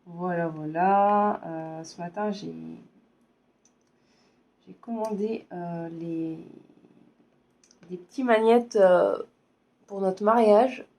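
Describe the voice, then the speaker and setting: Hoarse french woman in her 30s, lowish voice, sore throat, rambling chat with lots of ums. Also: slow, pauses often, mellow. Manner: hesitant, many fillers. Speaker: vlogger. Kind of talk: casual chat.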